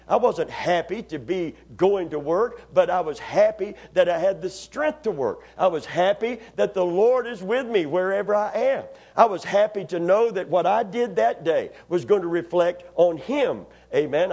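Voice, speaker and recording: In a church sanctuary, a higher-voiced male pastor delivers a call-and-response sermon, asking for amens and pulling the congregation into his message. His darkish voice is raspy after Sunday preaching. The recording is dull and lo-fi, as if made on older church equipment.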